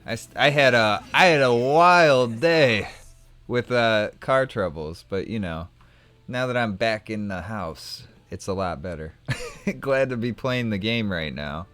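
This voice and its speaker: Chatting over his card game stream, this young man rambles through an anecdote with many restarts and corrections. His fairly low, slightly bright voice is expressive and unhurried, and the recording is dry.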